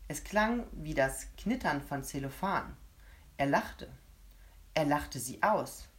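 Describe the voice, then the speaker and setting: A woman narrating a children's story in steady storytelling. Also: low-pitched, slow. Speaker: audiobook narrator.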